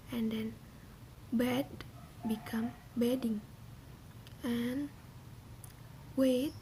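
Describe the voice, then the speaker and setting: A young woman giving a class presentation in a soft, often half-whispered voice, hesitant with many pauses and restarts. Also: fairly high pitch, slight background noise, rough recording. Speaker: student presenter.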